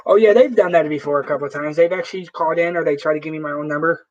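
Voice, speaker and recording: High-voiced man rambling on a lo-fi stream. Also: very fast, darkish tone. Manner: rambling, profane, with frequent restarts. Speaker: live-stream host. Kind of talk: casual live-stream chat. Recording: dull lo-fi sound.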